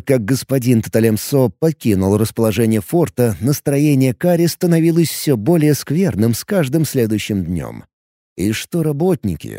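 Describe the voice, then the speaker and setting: A man narrating a novel in a measured, expressive reading. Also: medium pitch, no room sound, studio quality. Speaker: audiobook narrator. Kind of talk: scripted narration.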